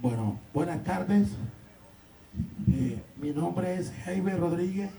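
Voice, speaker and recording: A man with a Colombian Caribbean Spanish accent explaining instrument making in a live demonstration, step by step and haltingly, recorded on a distant mic in a roomy space. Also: sits high, animated, vocal fry, mellow. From San Juan Nepomuceno, Colombian Caribbean. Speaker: gaita musician and instrument maker.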